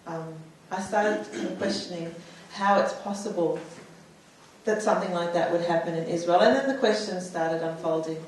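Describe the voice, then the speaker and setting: Her fairly low voice moves at a normal speed as she shares personal testimony at a public talk, often pausing on fillers and starting over. She is an American woman in her forties on a panel, recorded in an echoey hall by a far-off mic with slight background noise.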